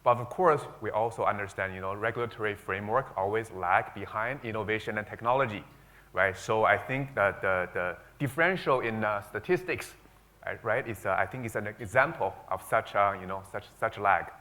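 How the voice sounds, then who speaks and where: A man's voice: fairly low pitch, brisk, bright, forceful tone. A man speaking on a conference panel, hesitant and full of fillers as he explains his view. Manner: hesitant, many fillers and restarts. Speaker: panelist, investor. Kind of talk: panel discussion.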